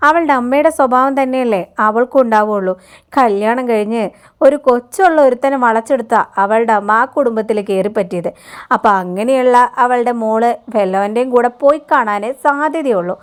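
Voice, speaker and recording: A woman voicing a scheming, sharp-tongued middle-aged woman who taunts and sneers. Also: fairly high pitch, expressive, normal speed, smooth, lightly acted. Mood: taunting. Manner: taunting, sarcastic.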